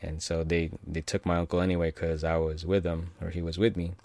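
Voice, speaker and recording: A man with a very low voice tells an anecdote in a relaxed, rambling way, full of fillers and little chuckles. The sound is dry and close, with no room around it. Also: fairly quick, creaky, no echo. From California. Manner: rambling, many fillers and restarts, chuckles often. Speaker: storyteller. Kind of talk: casual personal anecdote.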